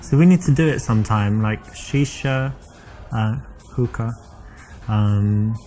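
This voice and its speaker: Soft background music plays behind this dating coach's lowish, dark-toned voice as he speaks slowly. An Englishman with a London accent, he moves from breezy chat into explaining his method, full of "you know" fillers, in a demonstration with asides to camera.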